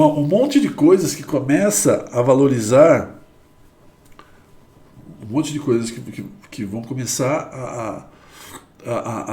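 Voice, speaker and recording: A man's voice: mid-range voice, darkish tone. Brazilian man teaching in an echoey room. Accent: Brazilian Portuguese. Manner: explains step by step, repeats himself, exclaims "wow". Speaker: church teacher on addiction recovery. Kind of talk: live online teaching.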